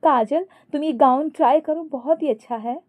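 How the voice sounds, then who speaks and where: A woman's voice: high-pitched, normal speed, darkish tone, voice pushed up, natural voice. A woman voicing a bossy, fashion-obsessed young wife who talks insistently and dramatically in a storybook.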